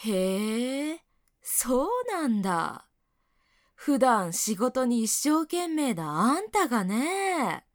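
A bossy but doting older coworker, played by a woman, who scolds her junior and then turns soft and teasing. Her voice sits somewhat high and swings widely in pitch. She speaks slowly into a dry, close mic in a second-person audio role-play. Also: very animated, no echo, heavily acted. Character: bossy yet doting older female coworker, young adult. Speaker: senior colleague.

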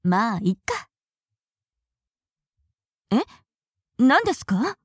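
A high, lively voice, slow and hesitant, rising and falling a lot as a woman plays a naive, easily flustered young woman in an audio drama. She stays polite and stammers over her words, and the voice sounds close and dry. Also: husky, no echo, full character voice.

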